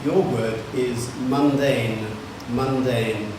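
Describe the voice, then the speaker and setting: Male spelling bee pronouncer, mid-pitched, careful deliberate enunciation, recorded in a reverberant hall. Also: fairly even intonation. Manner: slow, careful enunciation of each word. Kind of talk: reading words, definitions and sentences aloud. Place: large museum hall. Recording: echoey hall, faint room noise.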